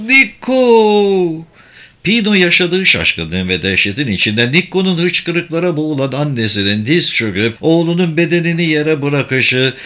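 A man narrating an audiobook in a measured, somber reading. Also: fairly high pitch, sharp tone.

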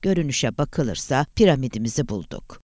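Man reading as a commanding woman official, curt, smug, animated pitch, dry. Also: normal speed, no room sound, close to an everyday voice. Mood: cool.

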